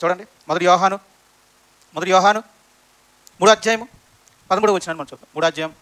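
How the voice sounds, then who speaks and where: A male preacher delivers a sermon in church, putting question after question to the congregation. His voice sits high and bright, and he talks fast.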